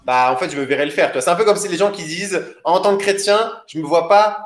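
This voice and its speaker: Talking fast in a high-sitting voice, a co-host of a live discussion show rambles hesitantly through his points in casual interview chat. He sits indoors next to his co-host, and the stream's audio echoes around the room.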